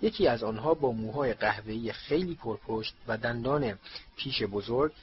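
A man narrating a novel as an audiobook, in measured storytelling that voices each character. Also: mid-range voice. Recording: slightly dull recording, faint hiss.

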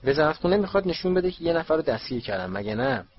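An excitable teenage wizard boy who rattles off his protests quickly, as a male narrator acts him. His pitch rides above the reader's own. The recording is a little dull with a faint hiss. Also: creaky. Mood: protesting.

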